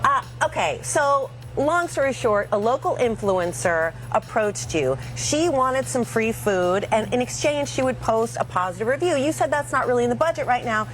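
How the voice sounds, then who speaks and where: A woman TV host doing a live interview in a bakery kitchen, with a brisk, upbeat presenter delivery. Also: a little high, lively intonation, slight background noise.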